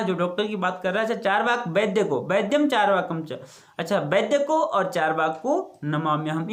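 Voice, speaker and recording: A teacher explaining a school textbook lesson. The teacher reads each line aloud, then explains it step by step, asking questions and answering them. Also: medium pitch. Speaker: Sanskrit teacher.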